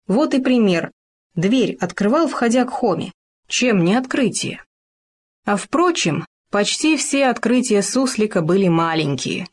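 A woman with a mid-range voice reads a children's story aloud. Her telling is lively and expressive, the way one reads to children. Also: medium pitch, a little slow.

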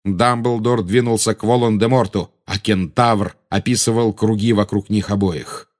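A man narrating an audiobook in a measured, dramatic reading style. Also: on the low side, fairly even intonation.

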